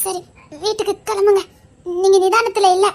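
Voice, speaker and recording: A woman doing a shrill, devoted young woman. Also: little pitch movement, moderate pace, darkish tone. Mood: worried. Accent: Tirunelveli Tamil. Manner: coaxing, soothing, insistent. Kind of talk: amateur dramatic dialogue.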